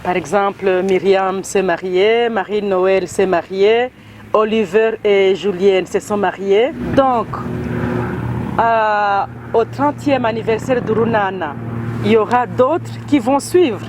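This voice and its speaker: Middle-aged woman, very slow deliberate delivery, faint traffic noise behind. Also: mid-range voice, darkish tone. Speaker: parent in the group. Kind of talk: documentary interview.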